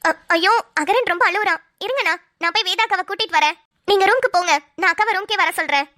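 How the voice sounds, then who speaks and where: An earnest young bride who studies hard and cares for the family, yet is sharp when something is wrong, voiced by a woman. The voice is very high and bright. It is close and dry. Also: no room sound. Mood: caring. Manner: eager, polite, quick to question.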